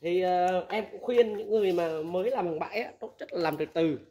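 A man's voice: high-pitched, brisk, mellow. Blunt, candid man. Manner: blunt, candid, laughs often, acts out quoted dialogue. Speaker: used machinery dealer. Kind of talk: casual advice talk.

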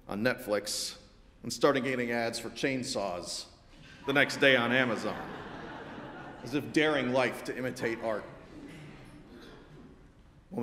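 Male pastor, mid-range voice, measured sermon delivery with wry dry humor; roomy church sound, long reverb tail. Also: mid-range voice, a bit bright. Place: church sanctuary.

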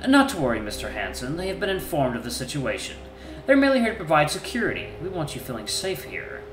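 A man voicing a calm, formal male hyena who questions a suspect in measured, precise, polite phrases. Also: fairly high pitch, pitched above the performer's own voice. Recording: echoey room with faint music.

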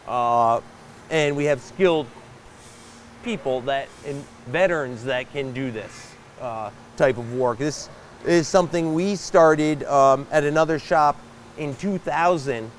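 A man's voice: a little high, slight background noise. A man in his fifties, a shop owner, giving a plain-spoken guided tour of his machine shop floor with a lapel mic and frequent fillers. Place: large bright machine shop floor, indoors.

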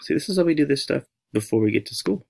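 A fast-talking American man in his thirties, with a mid-range, slightly rough voice and vocal fry, teaches music in a casual tutorial. He's animated and playful, talking to himself as he works things out aloud.

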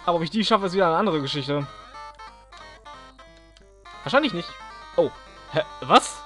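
Excitable lively-voiced man doing game commentary. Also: a little high, normal speed, soft background music. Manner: excitable, grumbles and cheers at the game, talks to enemies. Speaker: let's play gamer. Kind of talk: casual gameplay commentary.

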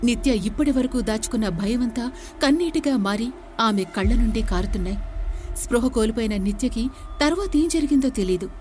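A woman narrating a horror story in a measured, suspenseful way. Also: a little high, animated, a little mellow, slight background noise.

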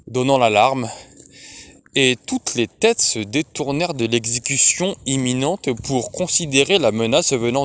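A man reading a fantasy novel aloud as an audiobook, in a slow, expressive way. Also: mid-range voice. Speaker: audiobook reader.

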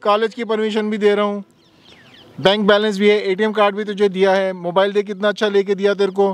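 A man acting out a coercive uncle who hushes and threatens in a low voice, words tumbling out fast. The scene is staged outdoors in a park. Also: completely flat delivery, no echo, lightly acted. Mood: menacing. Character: menacing middle-aged male uncle, coercive. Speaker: actor in staged prank. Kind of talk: staged street role-play.

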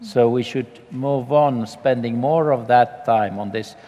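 A man's voice: medium pitch, measured pace, dark tone. A man on a discussion panel in a large atrium, speaking earnestly and repeating words as he searches for them. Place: large glass atrium hall with audience. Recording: long hall reverb.

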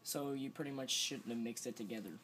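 A man's voice: medium pitch, fairly quick. A young man chatting casually as he films a home vlog on a handheld phone. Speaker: vlogger filming a challenge. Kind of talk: casual chat. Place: indoors at home, kitchen and carpeted room. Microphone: handheld phone camera, held by speaker. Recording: home video with background noise.

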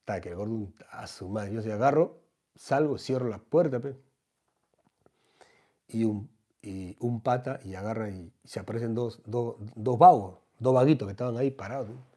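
A man comedian with a Peruvian accent, telling a comic anecdote in a slangy, animated way. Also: on the low side, normal speed, slightly rough. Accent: Peruvian Spanish. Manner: slangy, animated, acts out the voices.

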